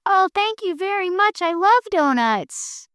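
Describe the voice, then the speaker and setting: A cute little male animal from a picture book pipes up in a very high, sweet, pleading voice, as a woman puts him on. The delivery is eager and polite. The sound is dry and close. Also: big pitch swings, measured pace, a bit bright, dry recording, heavily acted.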